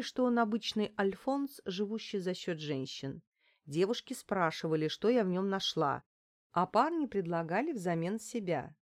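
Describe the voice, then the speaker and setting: A woman reading a first-person audiobook with lively, ironic storytelling. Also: mid-range voice, no room sound, clean studio sound. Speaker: audiobook narrator.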